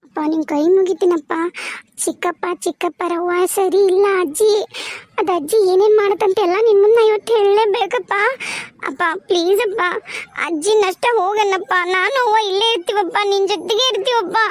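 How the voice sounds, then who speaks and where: A woman's voice: very high-pitched, a little fast, no room sound. A woman voicing a frightened young daughter in a cartoon who pleads with her father, with a North Karnataka Kannada accent. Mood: pleading. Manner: pleading, urgent. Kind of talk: cartoon voice acting.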